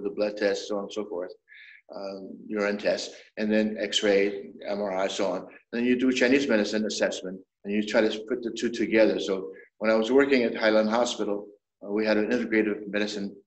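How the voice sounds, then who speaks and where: A traditional medicine doctor in his seventies speaks as an interview guest, explaining things in a measured way and often restarting his sentences. His voice is lowish, and the recording carries a roomy echo.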